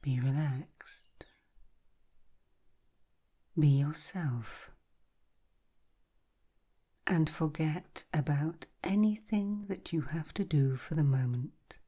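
A woman guiding a hypnotic relaxation in a soft, breathy, half-whispered voice, slow and soothing like a calming countdown. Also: sits low. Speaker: hypnotherapy guide. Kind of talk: guided hypnosis relaxation, scripted narration.

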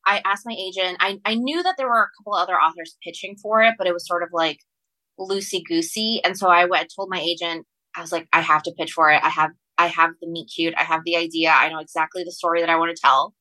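A Spanish-speaking woman from Ecuador, not a native English speaker, chats as a guest author on a casual podcast, telling stories in a halting way, correcting herself and repeating phrases. Her voice is fairly low, steady and sharp. The recording is rough but has no room sound.

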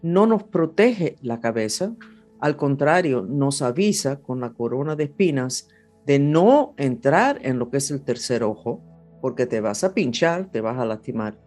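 Speaking unscripted about astrology and spiritual matters to an audience, a woman uses Spanish as her second language against background music. Her very deep voice swings widely in pitch, a little slow and slightly mellow.

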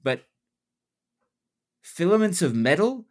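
Animated man narrating as game master. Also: sits high, slow pace. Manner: playful, descriptive. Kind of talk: narrating an improvised tabletop game.

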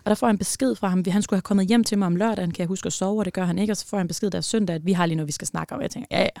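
A woman telling a personal story in casual podcast chat, animated and swinging between loud bursts and near-whispers. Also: medium pitch, creaky, no echo, studio quality.

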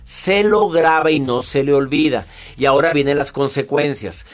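A man with a Mexican accent, a podcast guest telling lively stories in casual chat. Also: a little high, moderate pace. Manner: animated storyteller who acts out family voices. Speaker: podcast guest, advice speaker.

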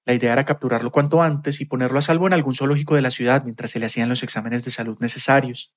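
Fast-talking male podcast narrator. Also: mid-range voice, fairly even intonation. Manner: measured, storytelling delivery. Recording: faint music bed.

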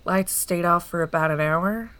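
A woman's voice: lowish voice, moderate pace, fairly bright tone, lightly acted. An actress playing a stern, commanding woman who speaks in a firm, dry way. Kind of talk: audio drama acting.

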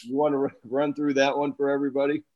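A man's voice: mid-range voice, completely flat delivery, fast, darkish tone. A male podcast co-host with a mid-range voice nudges the conversation along in a friendly way. His sound comes through dull and muffled. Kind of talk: casual chat.

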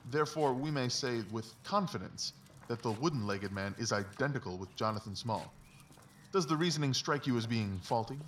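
A confident Victorian detective, voiced by a man, lectures through his reasoning with brisk precision and emphasis in a dramatised literary audiobook. The voice is natural and mid-range, expressive and slightly bright, at a moderate pace, heard from a distant mic with faint background noise.

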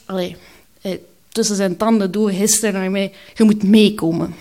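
Halting Flemish woman telling her story. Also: fairly high pitch. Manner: candid, halting, with frequent hesitations. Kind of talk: personal storytelling.

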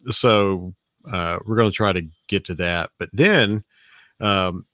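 A middle-aged podcast host tells a long story in casual chat, his very low voice gone slightly raspy, rambling, restarting sentences and repeating words. He talks at a slow pace with a bright, forceful tone. The sound is dry and close, free of room echo.

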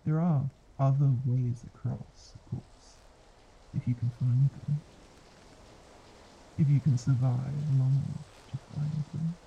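An actor playing a sly, mocking male spirit that speaks as a disembodied voice, teasing and smooth. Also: mid-range voice, steady tone, slow, lo-fi sound, slight background noise. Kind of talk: audio drama acting.

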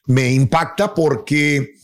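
A man hosting a radio talk show, telling a story with emphatic, animated delivery. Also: on the high side, slow pace. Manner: animated, emphatic, acts out quoted voices. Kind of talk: casual radio chat, storytelling.

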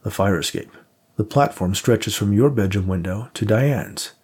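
A man's voice: lowish voice, moderate pace, darkish tone, husky. A man voicing a determined, injured male detective in an audiobook.

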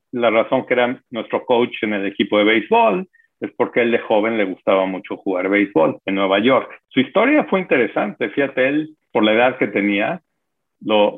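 A man in his sixties with a Mexican accent, a guest calmly telling his life story in an interview. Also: fairly low pitch, vocal fry. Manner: unhurried, reflective storytelling with pauses. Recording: phone-like narrow audio with music.

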